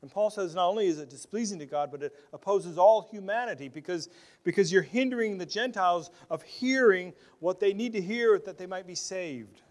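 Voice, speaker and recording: A pastor preaching a sermon, earnest, often repeating words as he restarts, moving between loud stressed phrases and quiet asides. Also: sits high, a little fast.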